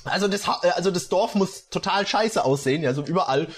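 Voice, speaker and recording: Man, sarcastic fan-fiction reading, high husky voice, lively pitch. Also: quick pace. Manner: sarcastic, mocking asides. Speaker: reader mocking bad fan fiction. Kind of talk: comic reading with commentary.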